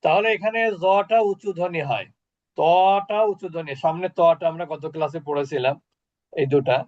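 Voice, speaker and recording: A man's voice: on the high side, moderate pace, darkish tone, dull audio. A man teaching a Quran recitation class over a video call, explaining patiently and asking the class questions.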